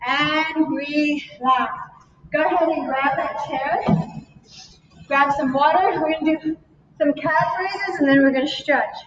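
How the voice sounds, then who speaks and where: A woman's voice: sits high, slow pace, slight background noise. A woman fitness instructor leading a live workout, encouraging the class and counting reps while she exercises, a little out of breath. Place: fitness studio, indoors. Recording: echoey, distant, slightly dull room sound.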